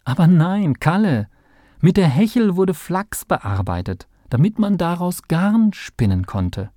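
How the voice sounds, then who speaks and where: A man's voice: high voice, very animated, measured pace, warm tone, dry recording, studio quality, pitched above the performer's own voice. A man voicing a patient female professor in a storybook reading, explaining kindly.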